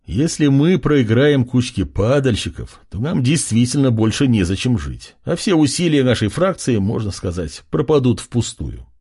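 An arrogant armored warlord, voiced by a male narrator, gloats in a husky voice. His intonation rises and falls with a lively swing. He sounds proud and sure of winning. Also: mid-range voice, normal speed, few pauses.

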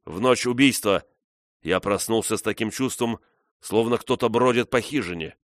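A man's voice: lowish voice, moderate pace, no echo, voice pushed up, close to an everyday voice. A man voicing a frightened accused man who speaks with feverish urgency, in a read-aloud story.

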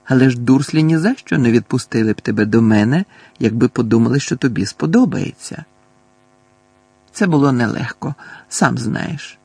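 A man's voice: mid-range voice, animated, normal speed, gravelly, mellow, breathy edge, no room sound. A male audiobook narrator voicing a frantic, cranky old woman who fusses and screeches. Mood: fretful. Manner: screeching, bossy, fussing.

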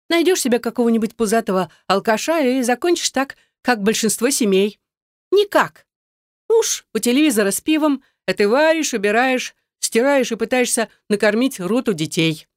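A woman reading an audiobook voices a pushy, scornful young woman who bosses and mocks her friend, raising her voice higher for the part. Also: darkish tone, dry recording, clean studio sound, lightly acted. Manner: bossy, mocking, then coaxing.

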